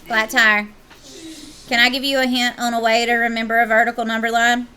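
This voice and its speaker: A woman's voice: fairly high pitch, flat delivery, fairly quick, pushed and bright. A woman teacher, leading a classroom math lesson and playfully teasing her students.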